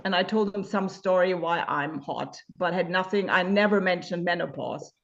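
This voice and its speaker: A woman in her fifties from Germany joins a webinar interview as a guest and shares her experience candidly, groping for words with frequent fillers. Her pitch is fairly low, her pace moderate, and the highs are cut off.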